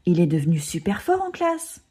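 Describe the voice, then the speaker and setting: A woman's voice: fairly low pitch, huge pitch swings, normal speed, a little mellow, husky, exaggerated voice. Woman doing a hot-headed brawler boy. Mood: amazed. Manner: blunt, aggressive.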